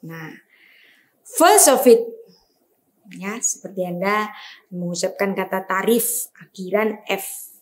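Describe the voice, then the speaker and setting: Woman, Indonesian accent, language teacher, unhurried pace, over-enunciated example words, didactic, medium pitch. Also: fairly even intonation, slight background noise. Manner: didactic, frequently checking in with a tag word. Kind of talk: beginner reading lesson.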